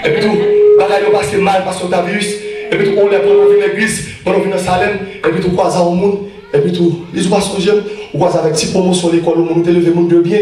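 A man with a Haitian accent, preaching as an evangelist in a church, often shouting and repeating phrases. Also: high-pitched, fairly even intonation, fast talker. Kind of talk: preaching a sermon. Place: church sanctuary. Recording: echoey church hall from far off.

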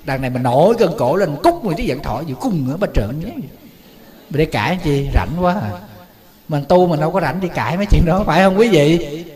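Man, Buddhist monk, sermon, folksy questions to the audience, higher pitch. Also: animated, fairly quick, darkish tone.

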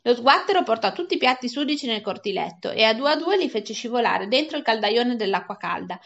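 Bright-voiced woman reading a children's novel. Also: on the high side, animated, fairly quick, gravelly. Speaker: reader. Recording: dull lo-fi recording.

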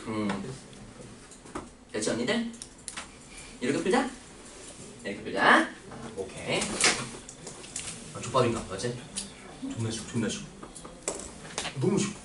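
A man teaches a math class in a loose, joking, teasing way, using coarse slang and constantly asking if the students agree. His voice sits at medium pitch with huge swings, and he speaks unhurriedly with frequent pauses. The echoey classroom is recorded from far off, with noise.

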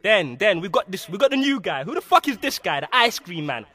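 A man, loudly mocking rivals in a diss skit with stammering repeats. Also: sits high, very animated, fairly quick. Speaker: rapper.

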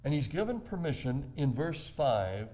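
Older pastor preaching slowly and deliberately. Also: male voice, mid-range voice, sing-song, dark tone. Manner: measured, deliberate preaching with slow emphatic phrases. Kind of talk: sermon. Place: church.

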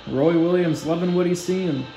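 A man's voice: on the high side, moderate pace, vocal fry, mellow, roomy sound, soft background music, poor audio. A young man giving casual play-by-play commentary over a basketball video game simulation in short clipped phrases.

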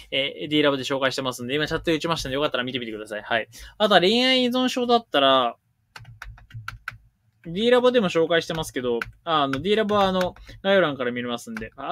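A man's voice: a little high, a little hiss or hum. A man hosting a casual livestream, reading out viewer questions and answering them bluntly, with jokes. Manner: rapid-fire, animated, blunt and joking.

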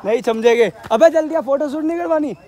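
A young man vlogging outdoors while climbing a rocky hill, talking fast and joking, out of breath. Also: very high-pitched. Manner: fast, excitable, joking banter. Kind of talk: casual outdoor vlog. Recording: outdoor phone audio with background noise.

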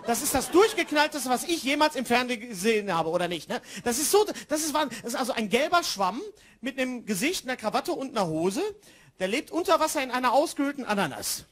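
A woman's voice: a little high, big pitch swings, fast talker. A woman doing chatty stand-up comedy, talking straight to the audience.

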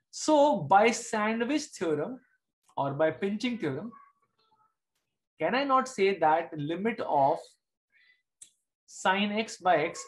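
Casting: male maths teacher, middle-aged, Indian accent, informal live online class, frequent short check-in questions. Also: sits high. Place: indoors at a desk, screen-share video class.

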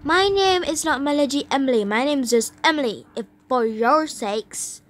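A woman's voice: on the high side, measured pace, slight background noise, natural voice. A woman voicing a new girl at school who keeps correcting others with indignation. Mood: insistent.

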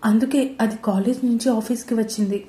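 A woman's voice: a little high, fairly even intonation, a little fast, dark tone, close to an everyday voice. A woman voicing a loyal, concerned young woman friend who explains earnestly, in a roomy-sounding recording. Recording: roomy echo.

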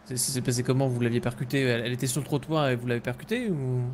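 A man's voice: medium pitch, very fast, darkish tone, slight background noise, natural voice. A man voicing an apologetic, hesitant medic in an online role-play game. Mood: concerned, apologetic. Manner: hesitant, repeating words.

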